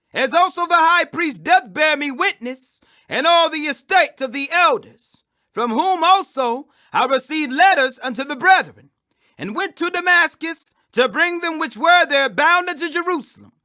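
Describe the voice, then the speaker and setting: In a very high register, a male scripture reader gives a dramatic, preacher-style declamation. The tone is bright and forceful, with stressed phrases drawn out for emphasis.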